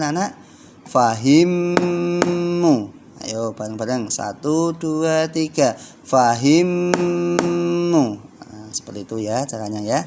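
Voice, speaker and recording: A man with a Javanese Indonesian accent, a primary school teacher giving a recorded lesson, explaining patiently and counting the children into reading aloud together. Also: mid-range voice. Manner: slow, patient explaining with drawn-out recitation.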